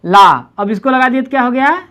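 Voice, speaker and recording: A woman tutoring reading one-on-one, patiently repeating syllables slowly and coaxing her student along. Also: sits high, animated, fairly bright tone.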